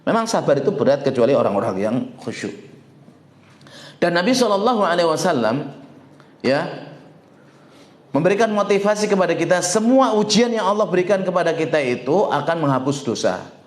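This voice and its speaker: A man preaching an informal sermon as an ustadz, lively and joking with his listeners and reciting Arabic slowly. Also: fairly high pitch. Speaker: ustadz giving a religious study talk. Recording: echoey room.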